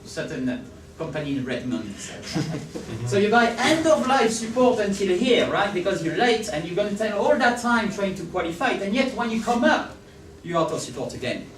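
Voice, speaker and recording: Speaking at normal speed with few pauses, this high-voiced, French-accented man presents a conference talk in a big hall. He's animated and repeatedly checks that listeners are following and agree. His voice is picked up from afar with a roomy hall sound.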